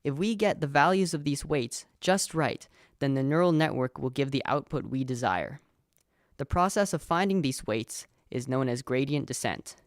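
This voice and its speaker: A young man from Canada giving a steady, scripted narration that explains code as a student presenter. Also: medium pitch, normal speed, no room sound, clean studio sound. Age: young adult.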